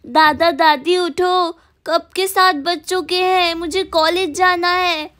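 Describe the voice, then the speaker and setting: A woman's voice: very high-pitched, steady tone, slow pace, bright, forceful tone, full character voice. A woman voicing an impatient young college girl in a storybook tale.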